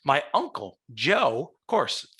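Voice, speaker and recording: Raspy, bright-voiced man hosting a podcast. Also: a little high, huge pitch swings, slow pace. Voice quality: raspy, like a smoker's voice. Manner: chatty, showman-like announcing. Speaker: podcast host. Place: small glass-walled office, video call. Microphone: headset boom mic.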